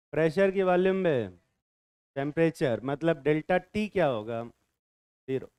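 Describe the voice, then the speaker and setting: A man's voice: on the high side, darkish tone, clean tone, no echo. A male chemistry teacher, lecturing a class in a bantering way, quizzing students and answering his own questions.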